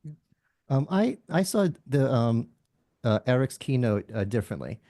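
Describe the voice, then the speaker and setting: A man on a tech analyst panel who talks with animated energy and acts out what others said. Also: mid-range voice, moderate pace. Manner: animated, acts out quotes with rising excitement. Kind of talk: casual panel discussion.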